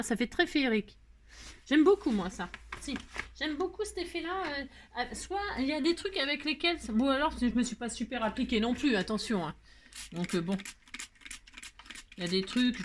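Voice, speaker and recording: A woman with a fairly high voice runs a casual crafting video from her home craft table, chatting and responding to her own remarks. Playful sound effects pepper her talk, and when she slips up she grumbles before laughing it off. The recording is noisy.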